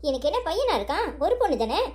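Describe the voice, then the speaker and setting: A woman's voice: very high-pitched, very animated, quick pace, darkish tone. A woman voicing a young wife who pleads and apologizes to her husband in a cartoon story. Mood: pleading.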